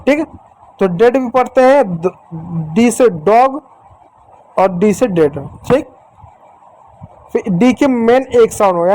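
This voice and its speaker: Guy teaching little kids their letter sounds, slow and repetitive, calls them dear children. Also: very high voice, a little mellow, low-quality recording. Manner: addresses the children directly and affectionately. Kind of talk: phonics lesson for young children.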